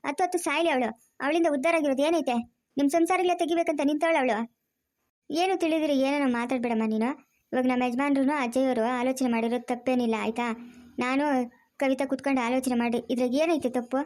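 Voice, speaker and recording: A woman's voice: high-pitched, steady tone, darkish tone, lightly acted. A woman voicing an argumentative grown daughter in a cartoon family drama, pleading and insistent. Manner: pleading, insistent, fast-talking.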